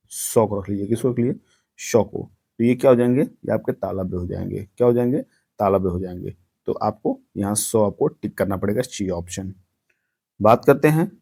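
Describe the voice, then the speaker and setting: A young man with a north Indian Hindi accent teaches an exam-prep grammar lesson. He asks a question, then repeats the answer again and again so it sticks. His voice is warm and mellow, sitting at an ordinary pitch for a man. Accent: Hindi-speaking north Indian.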